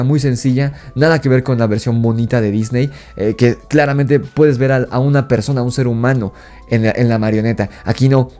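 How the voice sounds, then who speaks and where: A man with a Mexican accent giving an animated, casual film review, rising in pitch when indignant.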